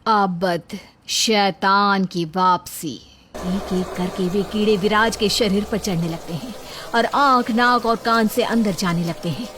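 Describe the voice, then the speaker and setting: A woman's voice: mid-range voice, moderate pace, few pauses, a little hiss or hum. A woman narrating a scripted horror story, with dramatic emphasis at the scary moments. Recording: voice over loud background music.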